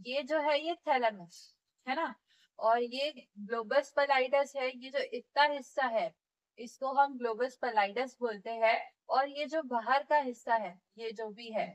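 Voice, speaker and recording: A woman with a fairly high voice teaches physiotherapy the way she would in a classroom. She explains each point patiently, one step at a time, and keeps checking in with her students. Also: rough recording. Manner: demonstrates movements while teaching. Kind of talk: classroom lecture.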